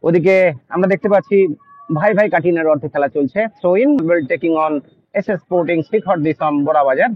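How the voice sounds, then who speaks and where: Fast, high-pitched Bengali man commentating football excitedly. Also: no room sound, dull audio. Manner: excitable, frantic delivery as play builds.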